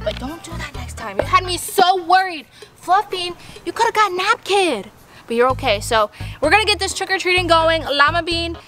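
High-pitched woman in an echoey room. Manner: animated, gasping and exclaiming to her pets. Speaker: vlogger talking to toy llamas. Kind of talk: playful kids' pretend-play vlog. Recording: echoey room with music behind.

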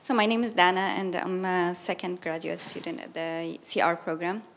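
A woman's voice: lowish voice, steady tone, moderate pace, a bit bright. Young woman from syria asking a long rambly question from the crowd, lots of ums, room mic. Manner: hesitant, long winding question with many fillers. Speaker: graduate student asking a question. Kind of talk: audience question at a panel. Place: lecture hall audience.

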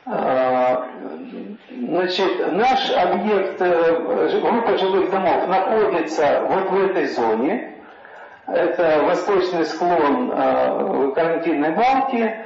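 A man presenting project slides at a council meeting as an architect, in a halting, explanatory way. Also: a little high, animated, vocal fry. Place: meeting room, recorded on a dictaphone. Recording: very echoey, muffled dictaphone recording.

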